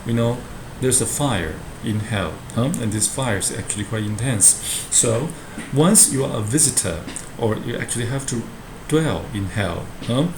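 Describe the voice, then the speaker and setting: In a roomy, echoing space with clear background noise, a man with a mid-range voice and lively intonation speaks at a moderate pace with few pauses. He is a university lecturer leading a Shakespeare class, walking students through a play text professor-style and frequently adding brief tag questions.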